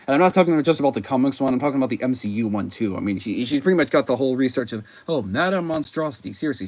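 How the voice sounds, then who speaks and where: A man giving casual commentary as a comic book reviewer, rambling with frequent fillers and self-corrections. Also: medium pitch.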